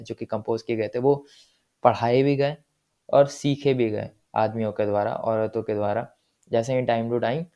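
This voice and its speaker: A man's voice: medium pitch, warm tone, dull audio. A man teaching a lesson patiently, often checking in with his students, with in his phrases. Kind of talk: explanatory lesson, mixing Hindi and English.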